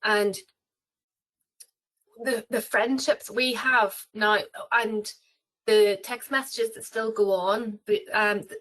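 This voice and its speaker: Speaking slowly with fairly even intonation, a woman with an Irish accent describes cruises for a travel company in a webinar interview. Her mid-range voice has a fairly bright tone, and she rambles, filling and restarting often. The audio is rough.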